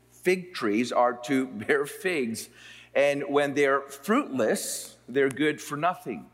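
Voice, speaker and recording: A man from Puerto Rico preaching a sermon as pastor. He reads scripture and moves between slow, emphatic phrases and quicker stretches. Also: mid-range voice. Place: seminary chapel. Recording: long hall reverb.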